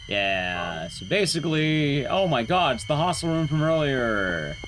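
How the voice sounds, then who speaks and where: A game streamer with a slightly high, very animated voice delivers casual speedrun commentary at a measured pace, making wry, rambling asides to his chat. Game audio noise sits behind his voice, with gunfire and clicks in the background.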